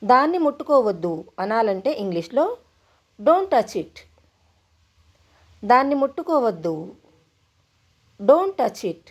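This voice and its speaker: Woman English tutor, unhurried drill-style delivery, fairly high and very expressive. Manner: repeats each phrase slowly, in Telugu then English. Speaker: English teacher. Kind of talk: spoken English lesson.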